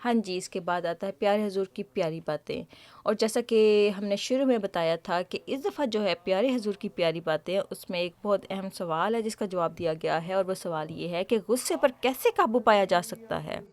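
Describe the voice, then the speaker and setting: A patient woman host gently explains things to a child at an ordinary pitch, teacherly in manner and asking questions to check in with the child.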